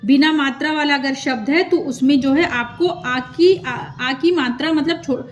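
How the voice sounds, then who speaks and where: A woman teaching a children's script lesson, slow and patient, stretching out syllables and repeating sounds for learners. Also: high-pitched, a little hiss or hum.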